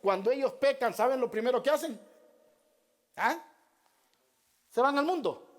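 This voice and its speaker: A man's voice: very high voice, lively intonation, normal speed. A male pastor preaching a sermon, repeating Bible references and putting rhetorical questions to his congregation. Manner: repeats Bible references and addresses listeners as beloved brothers.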